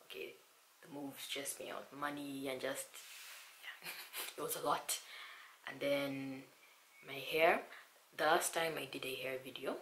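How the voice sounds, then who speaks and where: A hoarse young woman from Zambia chatting casually to her vlog audience at home, often half-whispering. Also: rumbling low, steady tone, measured pace, pauses often. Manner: half-whispering, soft and hushed at times. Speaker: vlogger. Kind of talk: casual chat. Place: small quiet room at home. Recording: echoey room with faint hiss.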